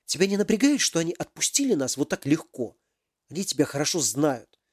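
A man's voice: on the high side, big pitch swings, brisk, breathy edge, dry recording, clean studio sound. A man doing a frightened, whispering young woman. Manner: hushed, whispery.

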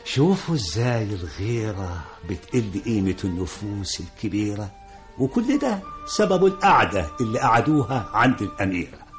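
An old-time Egyptian Arabic storyteller in a radio-play style, genial and theatrical. His lowish voice swings expressively through rhymed colloquial phrases, with faint music behind it. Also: sing-song, normal speed. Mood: measured, genial. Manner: theatrical, rhyming cadence. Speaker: narrator.

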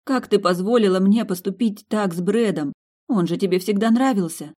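Brief: woman voicing angry young heroine, loud and commanding, pitched up. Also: normal speed, natural voice. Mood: furious. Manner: shouting, commanding like a general. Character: furious young woman, sharp and indignant.

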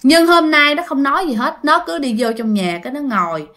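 A woman's voice: high voice, animated, a little fast, a bit bright. A woman narrating a ghost story in a chatty way, often speaking directly to her listeners.

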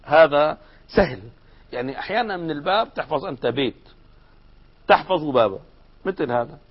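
A man teaching a classroom grammar lesson, explaining lively and asking his students questions. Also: on the high side, a little fast, slightly rough, muffled recording.

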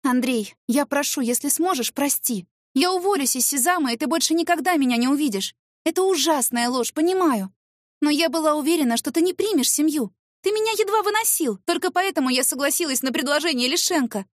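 A woman voicing a flustered, defensive young secretary who pleads and exclaims in a high, shrill voice. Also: lively intonation, a little fast, darkish tone, no room sound, studio quality. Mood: agitated, pleading.

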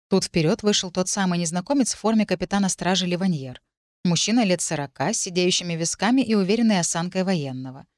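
Wry expressive woman narrator, dry. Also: on the low side, dry recording. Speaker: audiobook narrator. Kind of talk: scripted first-person narration.

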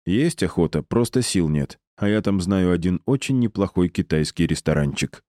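A young male wizard answers in a wry, offhand manner, as a man reading an audiobook voices him. The tone is low and mellow, and the recording is dry. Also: lively intonation, normal speed, no room sound.

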